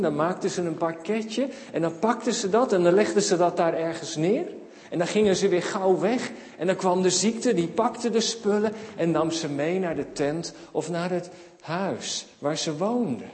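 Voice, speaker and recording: A man's voice: high voice, normal speed, a little mellow. A man giving a children's sermon in a church, telling the story with questions to the children and acting out the cries of the people in it. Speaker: preacher. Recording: echoey hall with long reverb.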